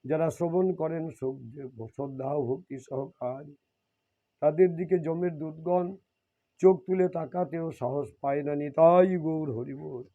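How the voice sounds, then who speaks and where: A man's voice: a little high, steady tone, normal speed. A man reading devotional scripture and explaining it, often repeating and rephrasing his points. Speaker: scripture reader and preacher. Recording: dull lo-fi recording.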